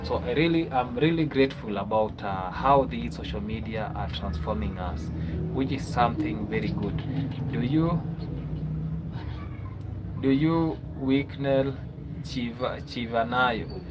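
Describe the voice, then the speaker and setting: A man's voice: mid-range voice, unhurried, music in the background, rough recording. A man with a Kenyan accent hosting a casual livestream, chatty, often ending phrases with a questioning "yeah?". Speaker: livestream host.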